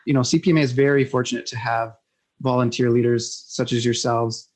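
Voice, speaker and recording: A man's voice: mid-range voice, little pitch movement, a little fast, a little mellow. A man hosting a podcast interview, asking questions in a friendly, informal way with frequent fillers and restarts. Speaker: podcast host.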